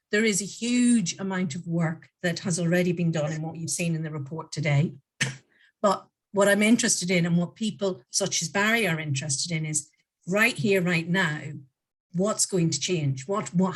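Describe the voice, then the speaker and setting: Hoarse woman carer, fairly low voice, earnest webinar speaker, lots of ums. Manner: earnest, many ums, coughs now and then. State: voice a bit gone, hoarse. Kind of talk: webinar contribution.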